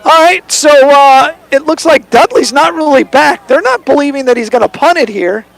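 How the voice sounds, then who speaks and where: Very high-pitched, creaky male football announcer. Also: moderate pace, a bit bright, low-quality recording. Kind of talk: live high school football commentary. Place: outdoors at a football stadium.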